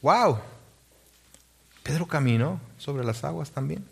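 A man's voice: fairly high pitch, lively intonation, slow pace, creaky, husky. A male pastor preaching a sermon, reading scripture aloud and asking his congregation rhetorical questions.

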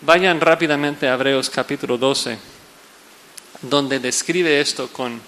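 A male pastor preaching a sermon, emphatic, rising to loud stressed words and dropping to hushed low lines. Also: slow pace, in a large hall.

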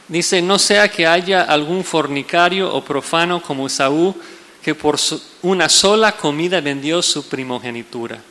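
A male preacher delivers a sermon in a high, bright voice that carries a long reverb from a large hall. He preaches emphatically, leaning hard on key words and then dropping to quiet, low-pitched lines. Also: measured pace. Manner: emphatic preaching, swinging from loud stresses to hushed low lines. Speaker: pastor.

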